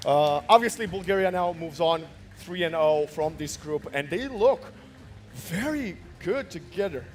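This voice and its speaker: A man's voice: on the high side, animated, measured pace. A man hosting a live esports broadcast, giving commentary and recap of the match. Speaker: esports caster and host.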